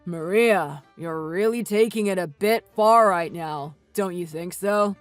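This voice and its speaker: A man's voice: high-pitched, measured pace, no room sound. Man voicing an indignant brother-in-law. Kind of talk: read-aloud text-message story. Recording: dry voice with soft music underneath.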